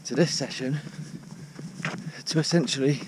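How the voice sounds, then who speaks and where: A man's voice: medium pitch, fairly even intonation, unhurried. A British man in his thirties talks casually to a camera while running outdoors, in short broken phrases. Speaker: running vlogger. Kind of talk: casual vlog monologue. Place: outdoors on a rural path. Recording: outdoor action-camera audio with clear ambient noise.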